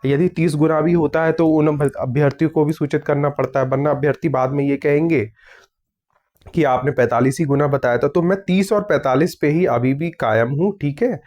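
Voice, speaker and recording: Fairly high in pitch and a little mellow, this young man speaks at a moderate pace. On his exam news channel he reads viewer comments aloud in turn and answers them casually and firmly, dropping "theek hai" again and again.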